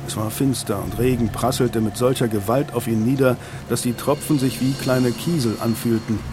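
A man reading an audiobook in steady scripted narration. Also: medium pitch, moderate pace, background noise. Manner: steady storytelling. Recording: music bed underneath.

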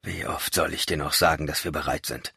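A man's voice: very deep voice, steady tone, fairly quick, vocal fry, bright, forceful tone, husky, no echo, clean studio sound, full character voice. A man voicing a bearded young former college student who whispers and pushes back irritably. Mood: hushed tense.

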